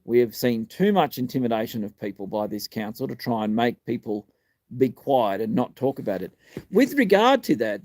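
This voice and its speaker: His voice is medium in pitch and warm, recorded with no echo. He's an Australian in his fifties with a front tooth missing, a live-stream host and community advocate taking viewer questions about politics in blunt, sweary, emphatic short phrases.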